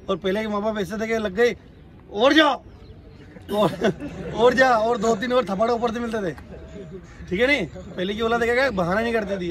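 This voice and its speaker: A man's voice: high voice, a little hiss or hum. A man coaching trainees at an outdoor training track, lecturing and scolding them and constantly asking whether they have understood. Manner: scolding, repeatedly asks "got it?".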